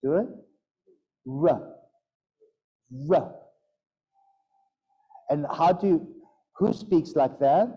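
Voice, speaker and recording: A man with a slightly high, husky voice teaches a yoga and Sanskrit pronunciation class at a normal pace, playfully demonstrating the sounds aloud. The recording has a dull, lo-fi quality.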